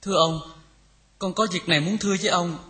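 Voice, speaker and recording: An actor playing a poor, kind young farmhand who speaks timidly and politely. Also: male voice, sits high, fairly even intonation, fast talker, pushed and bright.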